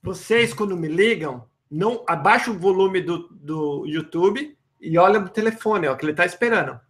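A man's voice: sits high, normal speed, fairly bright tone. A man with a Brazilian Portuguese accent hosting a live call-in show, joking and teasing callers informally. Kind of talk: casual live call-in chat. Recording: call audio from phone.

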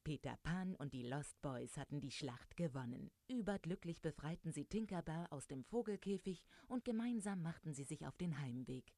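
A woman reading a children's adventure story aloud, lively and speaking directly to young listeners. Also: sits low, normal speed, few pauses, dry recording.

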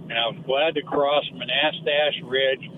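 A man's voice: mid-range voice, steady tone, a little slow. Radio show caller, guy on a tinny phone line from his car, chatty and friendly, bit of road hiss behind him. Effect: phone call into a radio show. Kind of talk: casual call-in chat.

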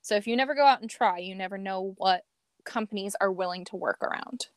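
A woman with a medium-pitched, smooth voice chats casually as a podcast guest, telling anecdotes earnestly at a fairly quick pace; she's an amateur performer and cosplayer. The recording is dry, with clean studio sound.

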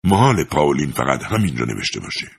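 A man doing a blustering fake high priest. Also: sing-song, gravelly, a little hiss or hum, heavily acted. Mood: furious. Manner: blustering, shouting. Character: pompous fraudulent male high priest, quick to rage.

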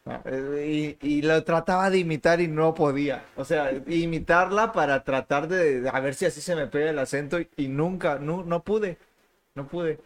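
Co-host type: halting guy, voice a bit high. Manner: hesitant, stumbling restarts. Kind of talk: casual chat.

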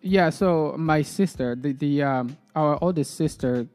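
A man with a Burundian accent speaking as an interview guest, conversational and halting, often repeating words as he goes. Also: on the high side, darkish tone, soft background music. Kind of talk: conversational interview, telling own story.

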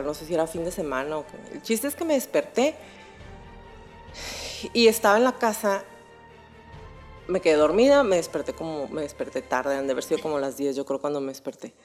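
A young woman with a Mexican accent telling a personal story on a podcast in a casual, animated way, full of slang and swearing. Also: lowish voice, a little fast, pauses often, faint music behind. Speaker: podcast host.

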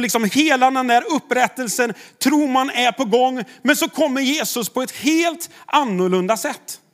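A man's voice: very high-pitched, fairly bright tone. A man, a pastor, preaching a sermon in a conversational way, with rhetorical questions to the congregation.

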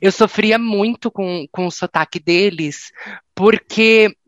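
A woman's voice: medium pitch, slow, dry recording, highs cut off. A woman with a Brazilian Portuguese accent, telling funny stories in casual chat, laughing and swearing now and then. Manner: lively storytelling with laughs and swearing.

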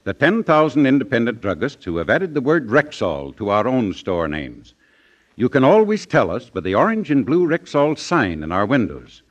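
Man, old radio broadcast, scripted commercial read, earnest measured pitchman, lively intonation, muffled sound. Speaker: commercial announcer.

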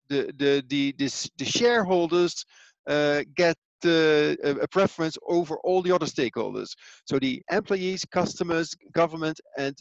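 Dutch-accented male guest, slightly high and gravelly, hesitant explainer on a dull remote line. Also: no room sound. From Netherlands. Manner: hesitant, many fillers and restarts. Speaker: business coach guest. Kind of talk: explanatory interview answers.

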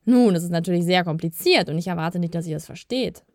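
A woman's voice: mid-range voice, a little fast, darkish tone, dry recording, studio quality, close to an everyday voice. A woman voicing a fussy, self-important male elf who talks with pompous airs, in a storybook reading. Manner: pompous, rising and sheepish.

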